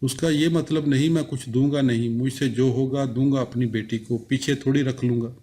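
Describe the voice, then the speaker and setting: An eager, proud village father from an audiobook, read by a man in his own voice. His tone is earnest and mellow, and it stays even as he tells his news. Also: mid-range voice, normal speed, natural voice.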